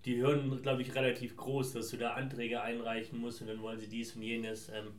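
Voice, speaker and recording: A man's voice: mid-range voice, flat delivery, fairly quick. A man from Afghanistan, a founder answering interview questions in long, winding, reflective sentences. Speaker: guest, founder. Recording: roomy echo.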